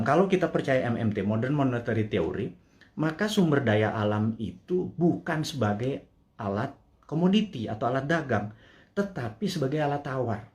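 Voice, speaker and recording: A man talks straight to his audience in a live political commentary, full of conviction. His voice rises and falls widely as he presses one rhetorical question after another. Casual colloquial asides keep it feeling like an unscripted host monologue. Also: medium pitch.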